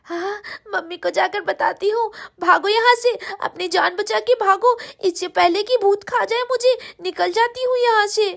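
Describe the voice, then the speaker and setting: A frightened little girl doll in a cartoon storybook, voiced by a woman. Her voice sits very high and thin, and she whimpers and frets aloud to herself about ghosts. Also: unhurried, gravelly, few pauses, fairly bright tone, full character voice. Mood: scared. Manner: whiny, frightened self-talk. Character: small timid girl doll, scared of ghosts.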